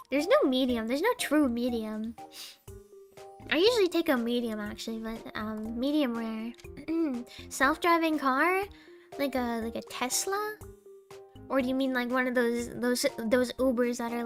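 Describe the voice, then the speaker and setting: A young woman with a small, sweet, slightly high voice chats casually on a live stream, rambling and giggling between deadpan jokes.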